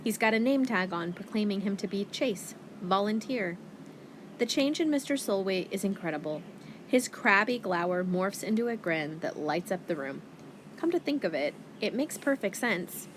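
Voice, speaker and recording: A woman reading a first-person audiobook in a wry, expressive teenage-girl voice. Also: medium pitch, moderate pace, background noise. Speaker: audiobook narrator.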